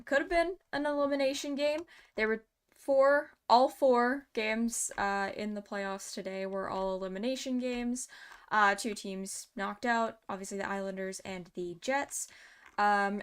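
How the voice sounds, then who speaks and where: A woman's voice: mid-range voice, measured pace, clean tone. A young woman hosting a casual post-game hockey analysis, chatty with sarcastic asides and lots of fillers. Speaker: host.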